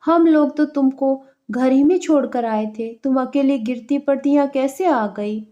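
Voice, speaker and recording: A woman's voice: on the high side, fairly even intonation, unhurried, darkish tone, lo-fi sound, lightly acted. A woman voicing a frightened young village boy who pleads through tears, in a storybook reading. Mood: bewildered.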